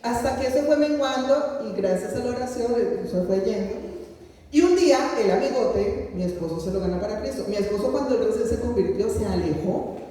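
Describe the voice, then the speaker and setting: A woman's voice: fairly high pitch, expressive, fairly quick, warm tone. A woman guest pastor preaching a sermon and telling a personal testimony, acting out the voices of the people in her story. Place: church hall. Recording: echoey hall from far off.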